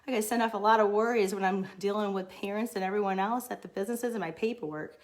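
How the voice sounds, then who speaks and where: A middle-aged woman who runs a daycare, chatting casually and excitedly on a livestream. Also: mid-range voice, quick pace. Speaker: daycare owner.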